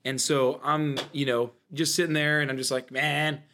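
Man, slightly high-pitched, podcast co-host, casual chat, animated, jokey storytelling. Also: moderate pace, a little hiss or hum. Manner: animated, jokey, mimics inner thoughts in quotes. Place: indoors, in a church.

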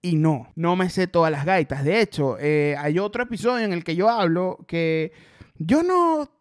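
A comedian from Maracaibo talking in a casual, joking way, with a Maracaibo Venezuelan Spanish accent and lots of swearing. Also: male voice, on the high side, normal speed, no echo, clean studio sound. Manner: animated, joking, swears freely. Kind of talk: casual comic chat.

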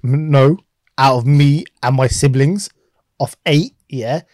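A man's voice: mid-range voice, takes it slowly, a little mellow, no room sound, studio quality. A young man with a southern English urban slang accent, bantering casually and telling boastful, laddish stories full of bro talk.

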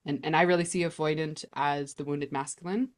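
A woman's voice: low-pitched, steady tone, a little fast. A woman guest on a podcast interview, explaining her ideas in an earnest, teacherly way.

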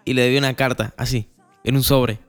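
A young man with an Argentine Spanish accent telling a casual storytime monologue, acting out the scenes with lively jumps in his voice. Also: a little fast, faint music behind. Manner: animated, acts out scenes with rising pitch.

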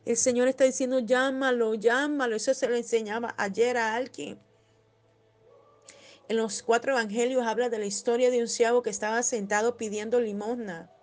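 Woman preacher, kinda high voice, soft loving sermon that swells into big loud pleas. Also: fairly even intonation, moderate pace. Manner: tender, rising to loud cries when voicing pleas. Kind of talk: devotional sermon.

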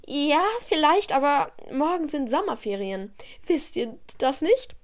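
A woman's voice: high voice, very animated, a little slow. A woman voicing a female schoolteacher who patiently questions her class in a sing-song manner. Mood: teacherly.

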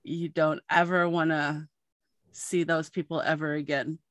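A woman podcast host and journalist, chatting casually and telling a lively story, acting out the voices of the people in it. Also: sits low, a little slow, dry recording. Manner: animated storyteller, acts out quoted voices.

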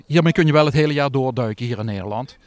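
A man's voice: mid-range voice, very fast, darkish tone. Hesitant, modest diver man. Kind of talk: answering questions. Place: outdoors by a lake in rain.

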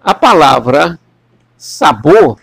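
A man's voice: a little high, very animated, very slow, vocal fry, fairly bright tone, breathy edge, no echo. A man giving a classroom lecture, rambling and repeating words as he questions his students.

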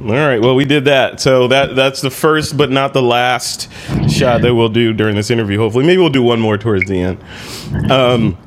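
A man hosting an interview, asking questions in a relaxed, chatty way. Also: medium pitch, a little fast, slight background noise. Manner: relaxed, chatty, laughing easily. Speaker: interview host. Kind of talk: casual interview.

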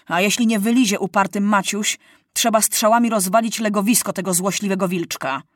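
A woman's voice: mid-range voice, steady tone, fairly quick, no room sound, clean studio sound, lightly acted. A woman reading aloud, voicing a proud, impatient young king who barks orders with contempt. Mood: commanding. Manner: commanding, contemptuous.

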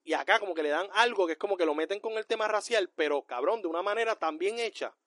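A man co-hosting a casual podcast. He rants loudly and swears a lot in a high, bright, sharp voice. His voice sounds dry and close. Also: quick pace, dry recording. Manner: loud, profane, animated ranting. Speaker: podcast co-host. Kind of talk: casual pop-culture chat.

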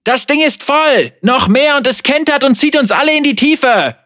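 A man voicing a terrified sailor in an overloaded boat, shouting high and alarmed. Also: expressive, normal speed, dry recording, studio quality, heavily acted.

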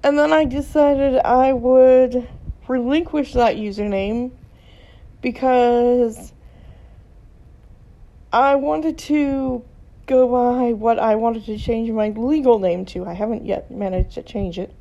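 A woman's voice: slow, dark tone. A middle-aged woman at home, sounding tired and sick, talking in a meandering, casual way with many ums and trailing sentences. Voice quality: gravelly, low-energy. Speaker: vlogger. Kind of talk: casual rambling monologue. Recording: dull lo-fi recording.

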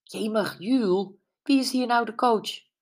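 A woman's voice: on the high side, a little slow, voice pushed up. A woman voicing Brenda, a candid, self-mocking friend, in an audiobook. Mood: wry. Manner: wry, emotional, tearful at times. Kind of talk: audiobook character voice.

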